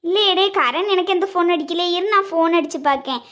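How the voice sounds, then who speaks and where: A woman voicing a calm sister-in-law who reassures her family in a matter-of-fact way in a cartoon. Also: extremely high pitch, fast. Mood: reassuring. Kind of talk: cartoon voice acting.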